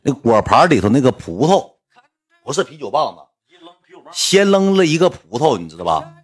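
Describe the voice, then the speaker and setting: A man's voice: mid-range voice, very animated, normal speed, breathy edge. A man with a Northeastern Mandarin accent telling a rambling, colloquial anecdote, often repeating himself. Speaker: storyteller.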